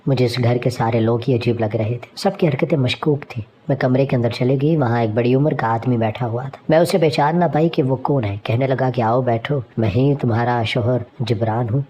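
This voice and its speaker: A woman narrating a first-person moral story in a steady, plain reading voice. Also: extremely low pitch, hardly any pauses, muffled recording, a little hiss or hum.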